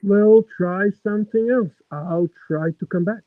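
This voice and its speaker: High-voiced man, muffled as through a wall. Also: measured pace. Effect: muffled mic, as if heard through a wall. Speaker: livestream co-host. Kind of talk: casual livestream chat. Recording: muffled, dull home mic.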